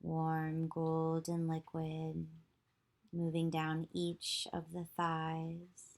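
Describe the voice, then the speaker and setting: A female yoga teacher guides a visualization meditation in a low-pitched, monotone voice. She gives slow, soothing instructions separated by long pauses.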